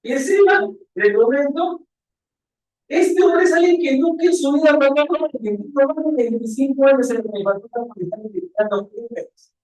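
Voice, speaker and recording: Man playing a police inspector, shrewd, teasing, talkative, high voice, roomy echo. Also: moderate pace. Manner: teasing, talkative, keeps urging calm. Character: shrewd, chatty male police investigator. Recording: echoey room.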